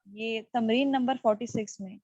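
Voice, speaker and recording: A woman's voice: fairly high pitch, fairly even intonation, darkish tone, breathy edge, no room sound. A woman student on an online class pressing her teacher with follow-up questions about grammar. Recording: muffled call audio.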